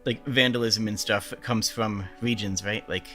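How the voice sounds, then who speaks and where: Bright-voiced man chatting in a tabletop game. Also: on the low side, steady tone, moderate pace, faint music behind. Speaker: tabletop role-playing player. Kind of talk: casual chat.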